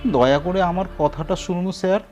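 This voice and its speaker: A man's voice: high-pitched, normal speed, a little mellow, soft background music, pitched above the performer's own voice, close to an everyday voice. A man voicing a timid, newly dead male ghost who whines and pleads tearfully. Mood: pleading.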